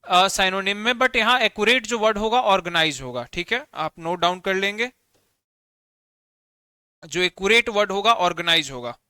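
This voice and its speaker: A man's voice: high-pitched, lively intonation, normal speed, pushed and bright, smooth, dry recording, clean studio sound. A man teaching a vocabulary lesson online, explaining words with everyday examples and often checking in with the class. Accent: Bihari Hindi.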